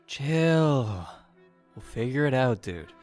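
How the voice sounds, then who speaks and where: An actor playing a laid-back, deadpan young brother in a video game. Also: male voice, medium pitch, slow pace, soft background music. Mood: unbothered. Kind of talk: video game character acting.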